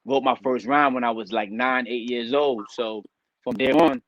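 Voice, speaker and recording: A man's voice: mid-range voice, big pitch swings, normal speed, creaky, a bit bright, muffled recording. A man from Liberia, a rapper, talking in a laid-back, conversational way as an interview guest. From Liberia, West Africa. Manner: laid-back, conversational, says "you know what I mean" a lot. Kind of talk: casual interview talk.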